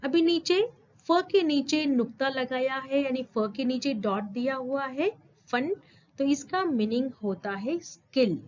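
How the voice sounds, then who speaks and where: A woman's voice: high-pitched, a little mellow, highs cut off. A woman teaching a school lesson to children, patient, repeating words and asking questions back. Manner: slow, patient, repeats and quizzes the listener.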